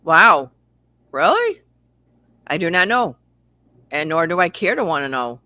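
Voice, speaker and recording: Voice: mid-range voice, very animated, measured pace, bright, forceful tone, no room sound. A livestream host chatting candidly and at length with a caller and reading out viewer comments. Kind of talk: casual spiritual chat.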